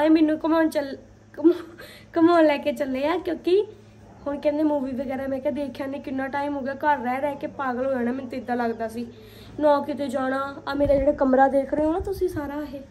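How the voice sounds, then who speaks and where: A woman's voice: sits high, steady tone, fairly quick, a little hiss or hum. A woman chats casually to viewers in a phone vlog. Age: 20s. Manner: chatty, addresses viewers as "guys". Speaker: vlogger. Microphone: phone at arm's length. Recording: loud music over phone vlog audio.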